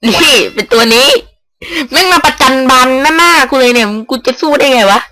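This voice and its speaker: A young man giving casual gameplay commentary, rowdy and excitable, trash-talking with lots of cursing and laughter. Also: very high voice, normal speed, no room sound. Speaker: channel host playing online checkers.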